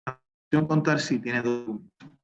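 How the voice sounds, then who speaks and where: Male instructor, mid-pitched, explains each step as he works, on a slightly dull, lo-fi recording. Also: moderate pace, faint music behind. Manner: talks through steps while working on screen. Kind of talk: recorded spreadsheet class. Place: recorded online class.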